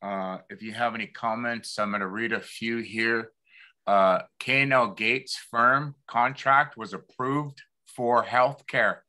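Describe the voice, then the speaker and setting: A man from the Pacific Northwest United States hosting an informal community talk show, speaking haltingly and repeating words as he searches for the next one. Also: medium pitch, fairly even intonation, sharp tone. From Lummi community, Pacific Northwest United States.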